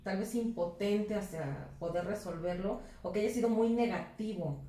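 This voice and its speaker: Woman, interviewer, reflective, tag questions, mellow voice, roomy echo. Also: mid-range voice, normal speed. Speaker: interviewer, teacher educator.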